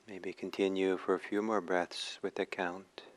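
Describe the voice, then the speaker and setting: A man leading a guided meditation as a teacher, speaking in short phrases with hushed pauses between them. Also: deep voice, flat delivery.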